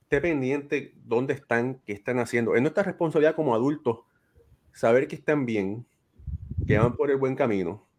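A man's voice: mid-range voice, normal speed, a little mellow, slight background noise. A man hosting a casual podcast over a video call. He sounds earnest and fatherly, offering life advice. He often ends his sentences with a questioning tag. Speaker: podcast host. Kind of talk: casual chat, giving advice.

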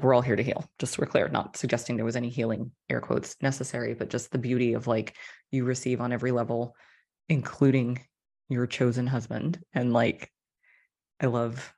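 A woman's voice: rumbling low, fairly even intonation, normal speed, a little mellow, husky. A woman hosting a podcast group chat, effusive and emotional, with lots of affirming murmurs. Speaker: podcast host.

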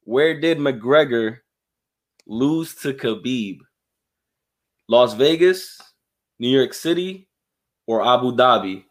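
A man's voice: medium pitch, lively intonation, slow, pauses often. A man running a casual trivia quiz among friends, teasing and laughing as he reads the questions. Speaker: quiz host. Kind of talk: casual chat.

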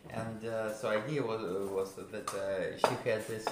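A man with a Russian accent, a guest musician, talking casually in a halting way, searching for words with many fillers. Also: fairly low pitch, fairly even intonation. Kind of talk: casual interview. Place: a friend's house. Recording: roomy with background noise.

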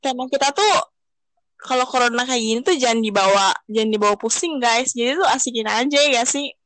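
Young woman, Jakarta accent, slightly high pitch, casual slangy co-host talk, very dry recording. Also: fast talker, a bit bright, no echo. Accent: Jakarta Indonesian. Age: young adult. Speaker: podcast co-host. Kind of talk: casual podcast chat with slang.

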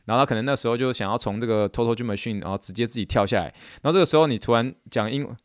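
A man, hosting a casual chat and telling stories in a lively way that acts out what people said. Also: mid-range voice, very fast, no echo, studio quality. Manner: animated storyteller who acts out quotes. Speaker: podcast host and therapist.

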